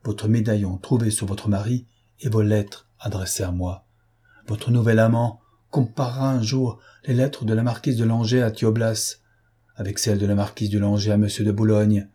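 A man's voice: fairly low pitch, flat delivery, moderate pace, dark tone, slightly rough. A man reading an audiobook, playing a vengeful, brooding Spanish man who speaks in a cold, solemn, threatening way. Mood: menacing.

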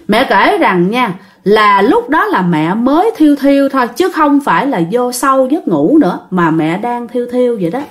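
A woman with a Southern Vietnamese accent telling a ghost story in a casual way, talking straight to her listeners. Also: on the high side. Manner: animated, addresses listeners directly.

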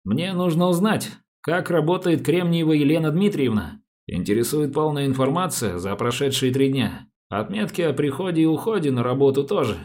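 A man voicing a calm, businesslike male police detective who asks polite, measured questions in an audiobook. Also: fairly high pitch, voice pushed up, close to an everyday voice. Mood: advising.

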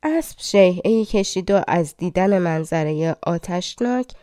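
A woman narrating a fairy tale audiobook in a measured, dramatic storytelling manner. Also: lowish voice, animated, dark tone, clear, resonant tone, dry recording, clean studio sound.

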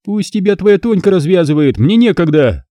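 A man's voice: sits high, animated, moderate pace, warm tone, no room sound, studio quality, voice pushed up. A man reading an audiobook voices a spiteful, scheming young woman who taunts and sneers. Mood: gloating mockery.

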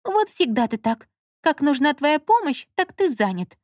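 Женщина в аудиокниге озвучивает молодую капризную обидчивую героиню жалобным высоким голосом. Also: female voice, very animated, moderate pace, no echo, clean studio sound. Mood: plaintive. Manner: plaintive, pouting, high-pitched. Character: young woman Lola, fussy, whiny and touchy. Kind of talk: audiobook character reading.

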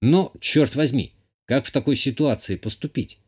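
A man's voice: mid-range voice, normal speed, darkish tone, slightly rough. Man reading a first-person audiobook. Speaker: audiobook narrator.

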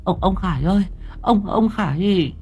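Man playing a terrified village mother, raised pitch, stammering, wailing cries, horror audiobook. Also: normal speed, husky, highs cut off, soft background music, heavily acted. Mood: urgent calling. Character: frightened village mother near fifty.

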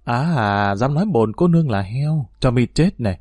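Man reading teasing teenage schoolgirl, cheeky, quick, storybook, dry recording. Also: medium pitch, animated, a little mellow, no echo, lightly acted. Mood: mock angry.

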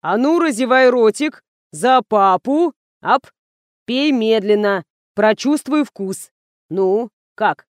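A woman reading the part of a young advertising manager who coaxes, then shouts and panics. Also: a little high, expressive, slow, no room sound, clean studio sound. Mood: coaxing. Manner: bossy, then loud and panicky.

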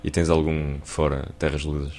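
A man's voice: very deep voice, little pitch movement, moderate pace, a little mellow. A man with a European Portuguese accent hosting a radio show, playful and joking as he interviews his guest. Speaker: radio host.

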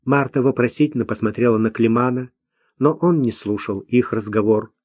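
A man reading an audiobook aloud in a measured narrating style. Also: mid-range voice, no room sound, muffled recording. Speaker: audiobook reader. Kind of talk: scripted narration.

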